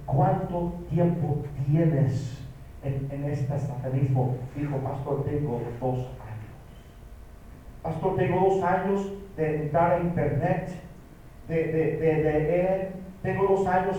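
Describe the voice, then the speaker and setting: A man with a Mexican Spanish accent preaching a sermon to young people as pastor, emphatic, repeating his words and climbing to shouts. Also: on the high side. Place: church sanctuary. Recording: very echoey hall, voice from far off, faint noise.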